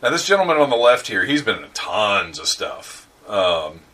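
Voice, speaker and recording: A man co-hosting a casual movie commentary chat, relaxed and quick to laugh, with some swearing. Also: fairly low pitch, recorded from a distance. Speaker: podcast co-host.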